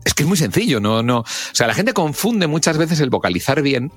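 A man's voice: a little high, a little fast, dry recording, soft background music. A middle-aged man from with a radio broadcaster's voice, explaining speaking skills in an interview and acting out the lines he quotes. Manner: expressive, acts out shouts and quoted lines. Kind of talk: podcast interview, animated explaining.

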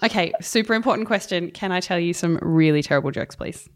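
A woman's voice: lowish voice, fast, background noise. A woman hosting a podcast, chatting casually and playfully, often giggling. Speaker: podcast host. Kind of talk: casual chat.

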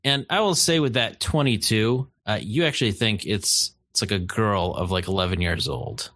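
A man running a tabletop game as game master, halting with many fillers and laughing often. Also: lowish voice, a bit bright, no room sound, studio quality.

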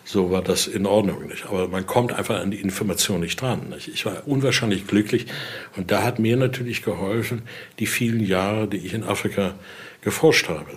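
Speaking fairly quickly in a voice on the low side, an older male researcher explains collection pieces in a chatty way. His German contains grammar errors typical of a non-native speaker, and he often closes sentences with a questioning tag.

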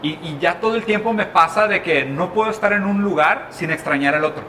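A man's voice: sits high, fairly quick, bright, forceful tone, a little hiss or hum. A man from Brazil in a casual chat, reflective and thinking aloud with many restarts.

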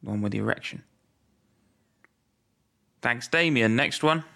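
A man's voice: medium pitch, unhurried, vocal fry, pushed and bright. A man hosting a comedy podcast, bantering in a dry, wry way. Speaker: podcast host.

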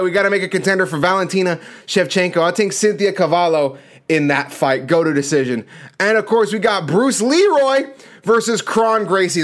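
A man's voice: sits high, a bit bright. A man hosting a sports show, giving casual fight predictions in an emphatic, slangy, conversational way.

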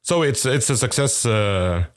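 A man with a Norwegian accent, English not his first language, chatting casually as a podcast co-host and often pausing to search for words. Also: mid-range voice, animated. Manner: hesitant, searching for English words, many fillers. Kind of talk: casual chat.

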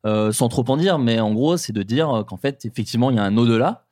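A young man hosting a comedy podcast, joking quickly and asking his guests questions. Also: mid-range voice, a little mellow, no room sound, studio quality. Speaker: podcast host. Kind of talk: casual comedic chat.

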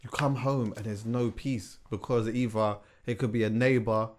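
A young man, co-hosting a podcast in casual chat, telling animated stories and dropping to quiet asides. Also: mid-range voice, moderate pace, noisy background. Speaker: podcast co-host.

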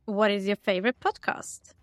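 A woman's voice: mid-range voice, fairly even intonation, moderate pace, no echo, studio quality, faint music behind. A woman hosting an interview, reading out scripted questions in an upbeat, structured way. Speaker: interview host.

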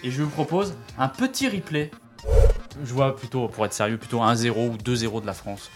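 A man's voice: mid-range voice, brisk, music in the background. A man hosting a casual sports podcast, introducing guests with teasing jokes and lots of fillers. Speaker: podcast host.

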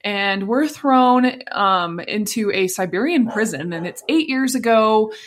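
A woman's voice: mid-range voice, lively intonation, a little slow. Woman, podcast co-host, casual recap chat, self-deprecating, laughs a lot. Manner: laughs often, searches for words, self-deprecating.

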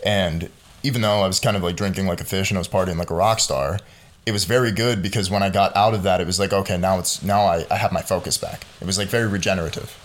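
A man's voice: deep voice, fairly even intonation, fast talker. A man in his mid-twenties, a podcast guest chatting casually and rambling through stories with lots of "like". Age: 20s. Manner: rambling storyteller, lots of fillers like "like". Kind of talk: casual chat.

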